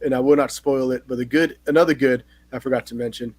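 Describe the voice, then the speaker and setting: A man hosting a casual movie-review chat, relaxed and animated when he gets going. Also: mid-range voice, fast, no echo. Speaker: host.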